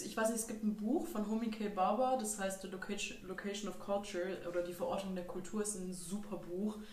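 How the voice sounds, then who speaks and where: A young woman speaks as a guest in a casual podcast, laying out her ideas in a thoughtful, lively way with fillers along the way. She sits away from the microphone. The room adds a clear echo. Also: medium pitch. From Germany. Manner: thoughtful, animated explaining with fillers. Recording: echoey room, distant from mic.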